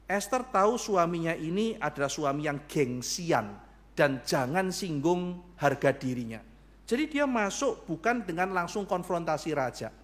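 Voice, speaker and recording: Animated man preaching a sermon. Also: a little high, unhurried. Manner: animated, acts out dialogue in shifting voices. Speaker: pastor.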